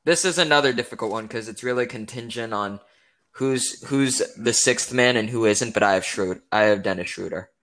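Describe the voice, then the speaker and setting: Mid-pitched man keeping podcast score. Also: moderate pace, fairly bright tone. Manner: steers topics, keeps score. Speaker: podcast co-host. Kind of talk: casual sports chat.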